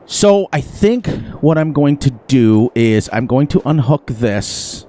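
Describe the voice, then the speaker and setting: Slow and sing-song, with a dark tone at medium pitch, a gaming channel host chats casually through a farming game playthrough. He laughs a lot, stays playful and talkative, and keeps sniffling from a runny nose.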